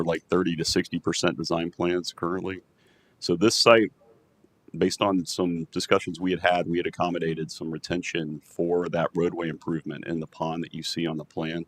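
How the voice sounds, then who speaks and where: Man with a very deep flat voice, relaxed and joking, meeting setting, faint rumble. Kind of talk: meeting discussion.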